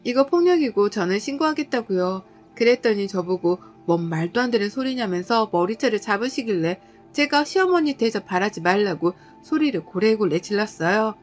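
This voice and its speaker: A woman's voice: mid-range voice, lively intonation, normal speed, few pauses, soft background music. Exasperated woman telling her story. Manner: indignant, exasperated, firm. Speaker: narrator of a personal story. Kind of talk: dramatized storytelling with dialogue.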